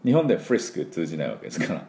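Middle-aged guy teaching pronunciation, chatty, lots of fillers, really low mellow voice. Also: huge pitch swings, vocal fry, reverberant. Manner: chatty, frequent fillers, demonstrates sounds slowly. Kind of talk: casual spoken lesson.

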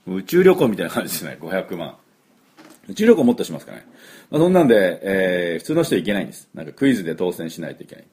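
Deep-voiced man teaching English pronunciation. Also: a little mellow. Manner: chatty, with drawn-out fillers and repeated model words. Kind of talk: spoken English pronunciation lesson.

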